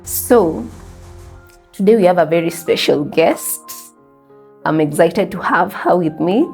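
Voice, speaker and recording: A woman hosting an interview podcast, soft-spoken and affirming as she asks her questions. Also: on the low side, lively intonation, measured pace, vocal fry, husky, soft background music. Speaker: podcast host.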